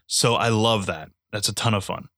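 A man's voice: lowish voice, moderate pace, a bit bright, no echo, clean studio sound. A congested man giving a casual spoken game review, eager and rambling, with many restarts. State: congested, stuffy nose.

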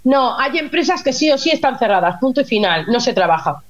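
A woman working as a nurse in Germany, explaining things in an animated, chatty way as a guest on a radio interview. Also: high-pitched, a little fast, lo-fi sound. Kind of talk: casual radio interview chat.

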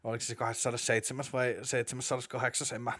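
Relaxed, mid-pitched male podcast host. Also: husky. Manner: relaxed, hesitant with fillers. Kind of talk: casual comedic podcast chat.

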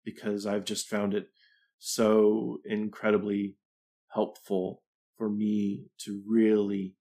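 Slow, gravelly-voiced man on a livestream. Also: on the low side, completely flat delivery, mellow. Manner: reflective, with fillers and restarts. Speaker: livestream host. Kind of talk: casual livestream talk.

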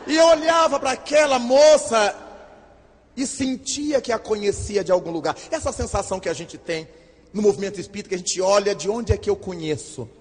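A man giving a humorous storytelling lecture at a spiritist gathering, lively and self-mocking, acting out the dialogue. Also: high-pitched, fairly quick, slightly rough. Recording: long reverb in a hall.

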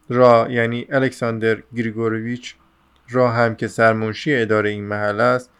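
A man reading the part of a chatty, excitable young male student in an audiobook, rambling eagerly in a smooth, clear voice. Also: mid-range voice, close to an everyday voice. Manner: rambling, eager, talks over himself.

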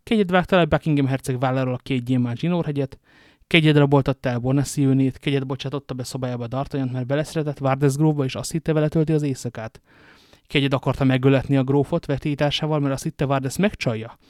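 A man voicing a cold, grim nobleman in a storybook reading, speaking low and measured. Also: steady tone, darkish tone, dry recording, clean studio sound, close to an everyday voice. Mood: accusing.

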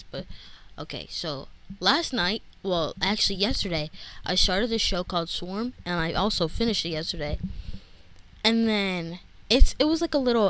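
A woman's voice: on the low side, fairly bright tone, rough recording. Young woman, solo podcast host, winded, scattered chatty delivery. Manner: scattered, many fillers and restarts. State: out of breath. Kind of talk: rambling solo podcast chat.

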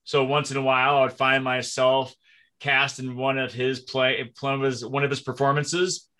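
A man's voice: mid-range voice, level tone, normal speed, pushed and bright. A man in his forties from Minnesota, a podcast guest telling his story in casual conversation, chatty and self-deprecating.

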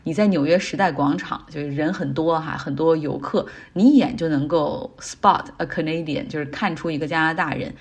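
A woman's voice: low-pitched, normal speed, hardly any pauses, husky. A middle-aged woman hosting a casual talk podcast, chatting and explaining English words in Chinese as she goes. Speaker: podcast host. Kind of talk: casual commentary.

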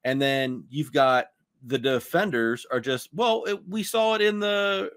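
A man talks football on a casual podcast, ranting in a loose, rambling way full of "like" and restarts. His voice sits at an ordinary middle pitch. The recording is dry and close, with no room sound. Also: a little slow, fairly bright tone, clean tone, no room sound. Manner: rambling, heavy use of "like". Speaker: podcast co-host. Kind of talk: casual sports podcast chat.

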